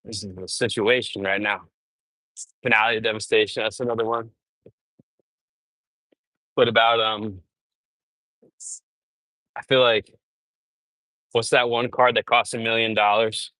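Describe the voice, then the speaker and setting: A man with a voice on the low side talks a little slowly, with long pauses, while walking on a treadmill during a live stream. Sweating from exercise, he tells animated stories full of "bro" and "dude," in a rough recording without room sound.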